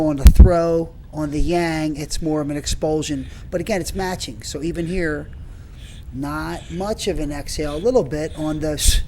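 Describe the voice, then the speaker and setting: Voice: medium pitch, warm tone, a little hiss or hum. A breathwork and movement trainer giving informal, rambling spoken instruction while demonstrating.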